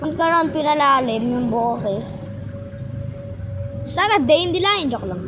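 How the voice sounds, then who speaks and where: Woman's voice pitch-shifted very deep. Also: animated, over music. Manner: playful, jokey. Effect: voice slowed and pitch-shifted deep. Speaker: vlogger. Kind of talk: casual vlog chat. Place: city street outdoors. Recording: loud street traffic noise.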